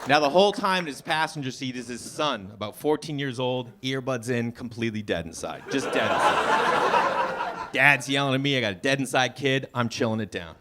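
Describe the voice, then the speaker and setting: A man doing a stand-up comedy set, telling a story with animated delivery and sudden high shouted quotes. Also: fairly quick, few pauses, noisy background. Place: comedy show venue with audience.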